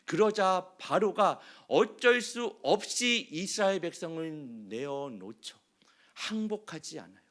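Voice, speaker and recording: A man's voice: a little high, sing-song, slow, a bit bright. A male pastor preaching a sermon with emphasis, asking his listeners many rhetorical questions.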